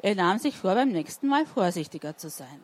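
A woman's voice: medium pitch, very animated, brisk. A woman reading a story to children and asking them questions as she goes. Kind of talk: interactive read-aloud storytelling.

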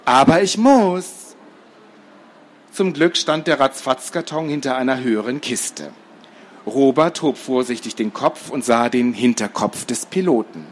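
A man reading a children's book aloud in a lively, expressive way. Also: mid-range voice, moderate pace, slight background noise. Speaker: storyteller.

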